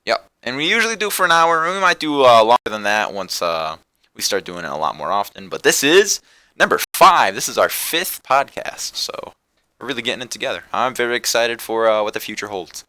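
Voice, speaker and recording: A man's voice: mid-range voice, sing-song, a little fast, sharp tone, no room sound. A man hosting a casual podcast, rambling loosely through his thoughts and turning upbeat when he plugs the show. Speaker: podcast host. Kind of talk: casual chat.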